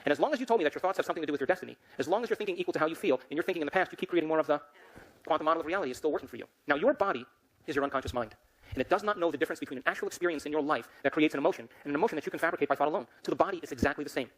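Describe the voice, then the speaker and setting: A man's voice: fairly high pitch, expressive, rapid-fire, fairly bright tone, rough recording. A man giving a motivational lecture to a live audience, emphatic and constantly quizzing the crowd with questions.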